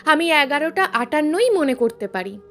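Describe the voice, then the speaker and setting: A woman voicing a gentle middle-aged mother, tender and grieving, who speaks softly and slowly. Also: high voice, sing-song, soft background music. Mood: quiet.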